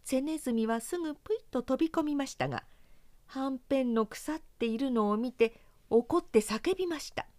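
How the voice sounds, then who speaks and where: A woman narrator reads a children's story aloud, expressive and clearly articulated. Her voice sits a little high, with a lively, animated melody. She is recorded close and dry. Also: brisk, no room sound.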